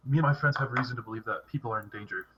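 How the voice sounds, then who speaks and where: A man voicing an adventurer urgently warning that people are in danger, in a fast, pressing way, in a tabletop game. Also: medium pitch, a bit bright, dull audio, a little hiss or hum, natural voice.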